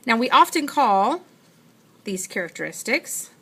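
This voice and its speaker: A woman's voice: on the high side, very animated, unhurried, fairly bright tone. A woman teacher giving a patient, explanatory science lesson, talking through what she writes as she goes. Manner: patient, explanatory, thinks aloud while writing. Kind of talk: classroom lecture.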